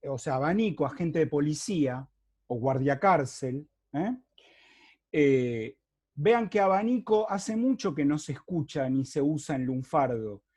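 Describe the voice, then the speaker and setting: A man's voice: fairly high pitch, a little mellow. A man with a Rioplatense Spanish accent giving a university lecture, explaining patiently and checking often that his listeners follow. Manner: explanatory, checks understanding with frequent rhetorical tags; unhurried, with hesitant fillers and restarts.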